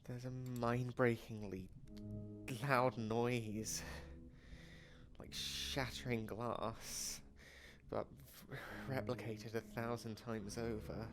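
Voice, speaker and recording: A man's voice: medium pitch, little pitch movement, takes it slowly, over music, lightly acted. A man reading scripted second-person narration for a story game in a dramatic storytelling manner.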